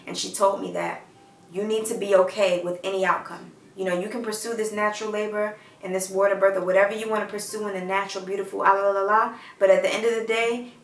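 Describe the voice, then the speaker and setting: A woman's voice: mid-range voice, vocal fry, echoey room, far from the mic, slight background noise, poor audio. A woman telling a personal story in a candid, reflective, casual way, with many fillers. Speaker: vlogger.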